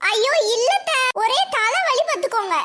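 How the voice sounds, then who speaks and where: A woman voicing a scheming, sharp-tongued young daughter-in-law in a cartoon, with a southern Tamil Nadu accent. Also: extremely high pitch, expressive, normal speed, background noise. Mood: sleepy excuse. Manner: indignant, argumentative. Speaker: cartoon creator voicing characters.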